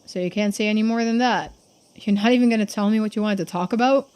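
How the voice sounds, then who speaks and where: A woman voices a shrewd, laid-back young man in video game dialogue, speaking casually and matter-of-factly with a hint of being put out. Her medium-pitched voice is quick, smooth and a little mellow, only lightly acted. Game music plays behind her.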